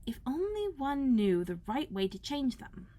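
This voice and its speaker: Storybook girl, played by a woman: young, polite, puzzled, pitched high with lively swoops. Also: unhurried. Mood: musing. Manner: prim, higher-pitched questioning. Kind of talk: storybook read-aloud.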